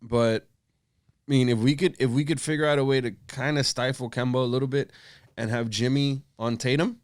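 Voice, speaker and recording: A man's voice: mid-range voice, steady tone, a little fast, dry recording, clean studio sound. Man arguing a sports point. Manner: emphatic, repeats his points. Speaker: podcast co-host. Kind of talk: casual sports debate.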